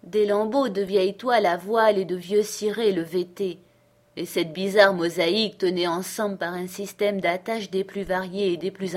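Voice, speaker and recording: A woman reading a classic adventure novel aloud as steady, clear narration. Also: medium pitch. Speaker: audiobook reader. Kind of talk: scripted narration.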